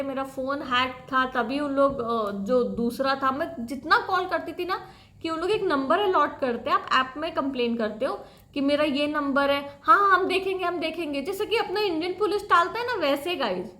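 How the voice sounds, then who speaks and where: A woman's voice: high-pitched, animated, moderate pace, sharp tone, roomy sound. A woman telling her own story in a casual, emotional vlog, talking to viewers as "guys" and acting out what others said.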